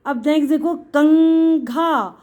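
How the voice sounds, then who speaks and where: A high-pitched woman gives a patient Hindi lesson to children. She stretches out her words as she explains each letter and warmly calls her pupils "beta". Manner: patient, drawn-out explaining, addresses students as beta. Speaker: Hindi teacher.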